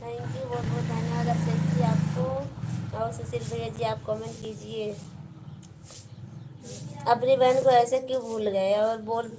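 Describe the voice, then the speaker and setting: Awadhi woman streamer, slightly high voice, slow unhurried talk, loud noisy recording. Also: level tone. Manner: chatty, teasing viewers in a sisterly way. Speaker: live-stream host. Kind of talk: casual live-stream chat reading viewer comments. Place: indoors at home. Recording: loud background noise.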